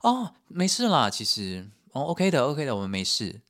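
A man voicing a polite, evasive female hostel receptionist who makes hurried, overly courteous excuses. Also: medium pitch, huge pitch swings, a bit bright, no room sound, clean studio sound, pitched above the performer's own voice. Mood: flustered.

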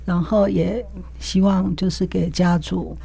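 A woman hosting an interview, asking long, polite questions and giving frequent soft backchannels. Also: fairly low pitch, steady tone, unhurried, vocal fry, breathy edge. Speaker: interview host.

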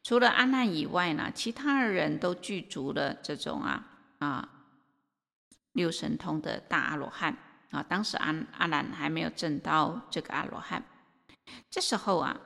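A woman giving a Buddhist sermon and telling a story, unhurried and full of drawn-out filler particles. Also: lowish voice, gravelly, a bit bright. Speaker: Buddhist teacher. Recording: long reverb of a hall.

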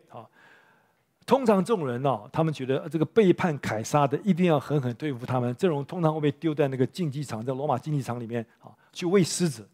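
A pastor preaching a sermon in church, telling a story with rhetorical questions to the congregation. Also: male voice, mid-range voice, darkish tone.

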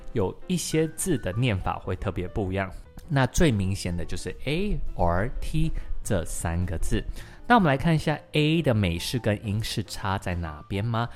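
A young man teaches an English-learning podcast lesson. He talks in a chatty, lively way, full of sentence-final particles, and says English words slowly and repeats them. Faint music plays under his voice. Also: lowish voice. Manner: models English pronunciation slowly and in repetition.

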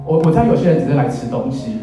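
Racing along in a slightly high, very animated voice, a wedding officiant in his thirties with a Taiwanese accent entertains church guests with wry humour at his own expense. The church hall echoes strongly, and music plays behind his speech.

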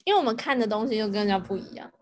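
A woman's voice: medium pitch, animated, racing, darkish tone. A woman with a Taiwanese accent in casual podcast chat. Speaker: podcast speaker.

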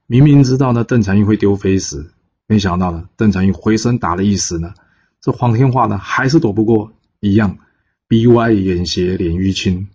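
Husky man telling a folk tale. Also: on the low side. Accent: Taiwanese Mandarin. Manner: relaxed, frequent drawn-out pause particles. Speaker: storyteller. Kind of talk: casual storytelling narration. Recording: dull lo-fi podcast recording.

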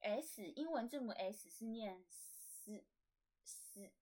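Woman host, Taiwanese Mandarin accent, relaxed teaching delivery with slow repeated demo sounds. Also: on the high side. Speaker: podcast host teaching language. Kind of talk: casual spoken lesson.

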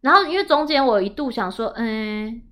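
A woman with a Taiwanese Mandarin accent hosting a podcast in casual chat, telling stories in an animated way and acting out quotes loudly. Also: fairly high pitch, moderate pace. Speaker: podcast host.

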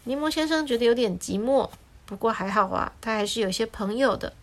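A woman narrating a children's story in a gentle, explaining way, drawing out filler words. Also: on the high side, lively intonation, a little fast.

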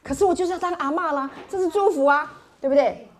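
A woman's voice: high-pitched, fast talker. A middle-aged woman pastor, preaching a sermon in a playful, joking, storytelling way.

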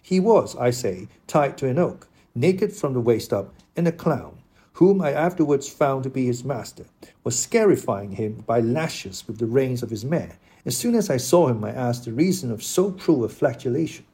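Casting: man voicing a lofty, lecturing old knight for an audiobook; mellow, husky tone. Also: medium pitch, animated, normal speed. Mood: declaiming. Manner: formal archaic speech, declaiming. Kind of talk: audiobook character reading.

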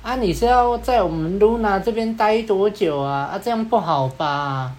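A man voicing a pushy, fake-friendly young wannabe thug, with a slow drawl and a Taiwanese Mandarin accent. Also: high voice, animated, pitched above the performer's own voice. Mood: swaggering.

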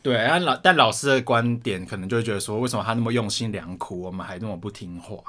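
A man's voice: on the low side, quick pace. A young man from Taiwan co-hosting a podcast, telling school stories in a casual chat with plenty of swearing. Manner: swears often, animated retelling. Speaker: podcast co-host.

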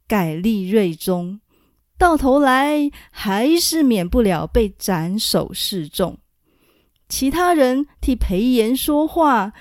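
A woman voicing an older male court minister who calmly gives cautious counsel in a slow storybook telling. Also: medium pitch, no room sound, studio quality. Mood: worried. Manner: calm, measured counsel.

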